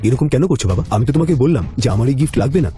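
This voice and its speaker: An actor playing a humble, patient middle-aged man who calmly defends himself before his rich family. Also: medium pitch, very fast, natural voice. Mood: pleading. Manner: calm, pleading, restrained. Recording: background music bed. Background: music.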